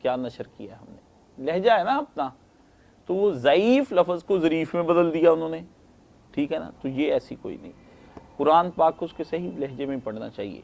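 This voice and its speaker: Gravelly Pakistani man giving a lecture. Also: medium pitch, darkish tone, a little hiss or hum. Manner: conversational storytelling lecture, asks listeners "right?". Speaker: religious lecturer. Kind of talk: Islamic lecture.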